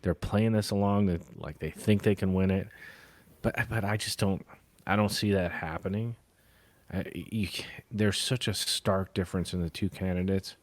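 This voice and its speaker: A man in his forties co-hosting a political chat podcast, forceful and indignant, his voice rising when worked up. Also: low voice, steady tone, moderate pace, no echo. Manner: forceful, indignant, gets loud. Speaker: podcast co-host.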